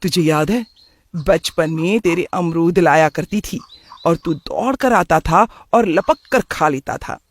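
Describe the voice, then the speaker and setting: A man's voice: fairly high pitch, a little slow, no echo. A man voicing an affectionate middle-aged aunt who fondly complains about her nephew in a cartoon story. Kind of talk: cartoon voice acting.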